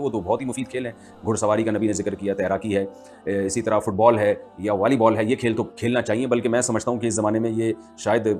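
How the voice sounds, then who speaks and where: A man, an Islamic scholar answering listeners' questions in a lecturing manner and reciting Arabic lines slowly. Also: fairly low pitch. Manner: lecturing, quotes Arabic verse slowly and clearly. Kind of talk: religious Q&A talk.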